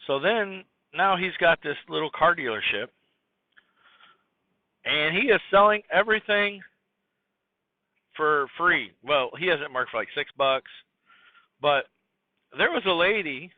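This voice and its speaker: A man hosts a casual solo podcast, rambling in a scattered way with many fillers and restarts. His voice is on the high side and expressive, unhurried with long pauses, in a tinny, phone-like, dry recording with no echo.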